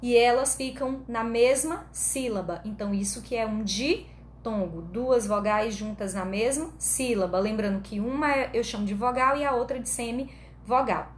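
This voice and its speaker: A woman's voice: on the high side, moderate pace. A woman teacher with a Brazilian Portuguese accent giving an online grammar lesson, explaining patiently step by step and checking in with her students often. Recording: echoey room with faint background noise.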